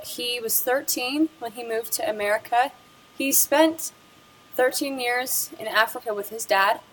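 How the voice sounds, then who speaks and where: A student presenter, a young woman, reads her prepared script about the interviewee for a school project. She has a fairly high voice, and the low-quality recording has slight background noise.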